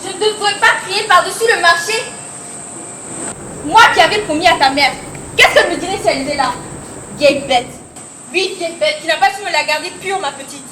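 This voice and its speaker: A woman's voice: extremely high pitch, bright, forceful tone, slight background noise. A teenage girl acting a fussy, scolding old nurse who fusses over her charge in a school stage play. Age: teens. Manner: scolding, lamenting. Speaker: student actor. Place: theatre hall. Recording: echoey hall, insects behind.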